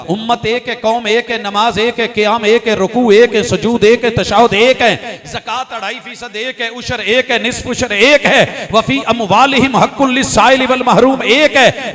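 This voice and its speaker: A man from Pakistani Punjab preaching a sermon with a Punjabi-inflected accent. He uses impassioned oratory built on rhythmic, repeated lists. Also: very high voice. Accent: Punjabi-inflected Urdu.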